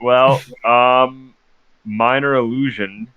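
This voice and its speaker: A man's voice: mid-range voice, steady tone, slow, smooth, no room sound. A man chatting casually as a player in a tabletop game. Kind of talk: casual chat. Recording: thin phone-like voice chat audio.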